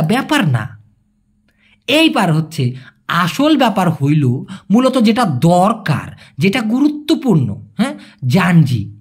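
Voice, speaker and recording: A man gives a chatty language lesson. His voice is husky and his pitch swings in a lively way. He jokes in asides between the examples. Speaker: language teacher. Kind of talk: casual video lesson.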